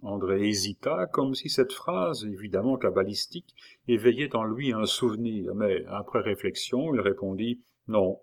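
A man narrating a classic novel as an audiobook in a measured, expressive storytelling manner. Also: lowish voice, creaky.

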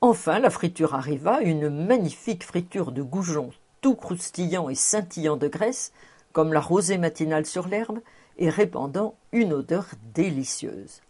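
A woman narrating a classic novel aloud in a measured, expressive reading. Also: deep voice, husky. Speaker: audiobook narrator.

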